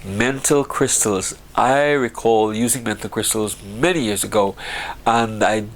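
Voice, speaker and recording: A man's voice: fairly low pitch, measured pace, a little hiss or hum. A man from Guyana chatting casually and ramblingly about his home remedies, with frequent restarts and laughs. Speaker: vlogger.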